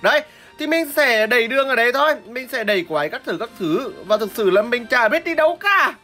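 A woman streamer commentates her own mobile game match in a bright, forceful voice pitched somewhat high. She explains her plans, then breaks into excited cries and rapid repeated words when fights start. Faint music plays underneath. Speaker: gameplay streamer. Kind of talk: live gameplay commentary.

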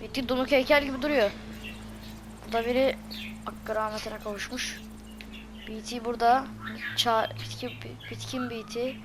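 A woman streaming a game with excitable, chatty commentary and shouted reactions. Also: on the high side, normal speed, long pauses, noisy background. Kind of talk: let's-play commentary. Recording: voice over loud game music.

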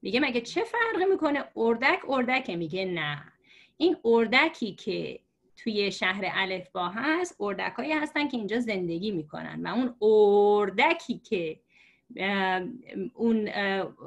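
A woman teacher telling a story to explain letters, patient and slow, with many fillers. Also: medium pitch, sing-song. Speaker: religious script teacher. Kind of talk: storytelling lesson for learners.

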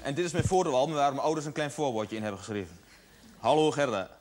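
A man doing a little girl in a deep disguised voice. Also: noisy background. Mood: naive. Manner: deadpan, naive, absurd. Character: eight-year-old girl in a deep disguised voice. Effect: deliberately distorted deep voice. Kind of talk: stand-up cabaret sketch.

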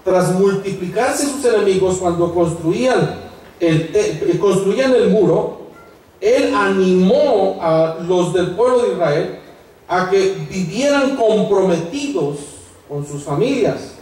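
A man's voice: high voice, expressive, slow, darkish tone. A man, a pastor giving an earnest sermon that rises to fervent exhortation. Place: church hall. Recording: echoey church hall from far off.

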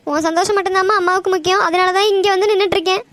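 A woman voicing a shrill, stubborn cartoon mother. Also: fairly even intonation, racing, a bit bright, no echo, clean studio sound. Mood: hurt insistence. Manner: pleading, argumentative, insistent. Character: upset middle-aged mother, stubborn and grieving. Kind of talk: cartoon voice acting.

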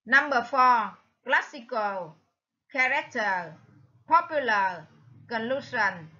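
A woman with a Vietnamese accent teaches an exam review, reading each answer word out slowly and carefully. Her voice is bright and somewhat high. The recording sounds muffled and lo-fi. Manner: slow, deliberate, reads each answer word aloud. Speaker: English teacher.

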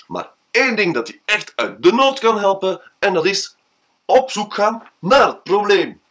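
Theatrical man, slow and lively. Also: high-pitched, a little hiss or hum, low-quality recording. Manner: theatrical, drawn-out, dramatic pauses. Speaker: storyteller. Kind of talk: told anecdote with a moral.

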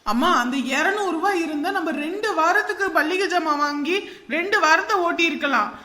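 A woman's voice: extremely high pitch, fairly quick, sharp tone. Woman voicing a caring young cartoon son. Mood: earnest. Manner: earnest and worried.

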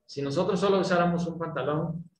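A man teaching English in an online class, explaining patiently and often checking understanding with quick questions. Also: fairly high pitch. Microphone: video call. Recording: roomy echo, faint background noise.

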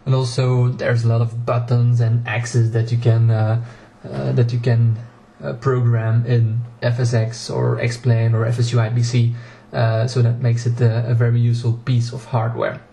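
A native Dutch-speaking man who builds home cockpits gives a casual walkthrough video, recorded on an action camera in a small room at home. He speaks hesitantly, with many fillers and restarts, in a monotone, gravelly, dark mid-range voice at a moderate pace. The sound is roomy, with slight background noise.

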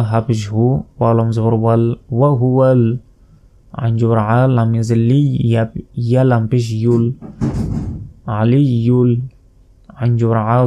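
A man with a Bangladeshi accent teaching recitation, spelling out each letter slowly and deliberately, then drawing out the recited phrases. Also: medium pitch, warm tone.

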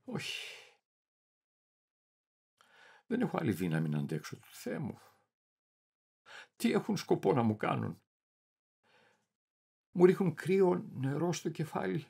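A man performing a theatrical reading as a deluded, paranoid middle-aged clerk, swinging wildly between shouting and muttering. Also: fairly high pitch, big pitch swings, vocal fry, pauses often, slightly rough, heavily acted. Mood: anguished. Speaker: reader of a dramatic monologue.

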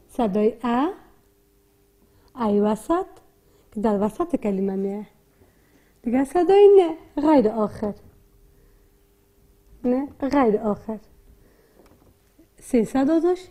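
A woman with an Afghan Dari accent teaches young learners to read. She has a high, soft, mellow voice. She breaks every word into its sounds and repeats each one patiently. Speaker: primary school teacher. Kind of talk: slow, repetitive literacy lesson.

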